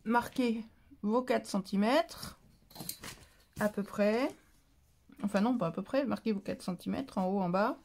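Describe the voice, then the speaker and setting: A papercraft tutorial maker speaks a little slowly in a darkish, medium-pitched voice with vocal fry and long pauses, over a faint hiss or hum. Her step-by-step guide is chatty and full of stumbles and mid-sentence corrections, broken up by scolding and cooing at her cat.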